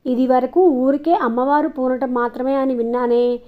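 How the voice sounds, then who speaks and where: A devout, sharp-tongued matron of the household, read by a woman narrator, pleading fervently in a rather high voice. The sound is dull and lo-fi, like a home recording. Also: fairly even intonation, moderate pace, natural voice.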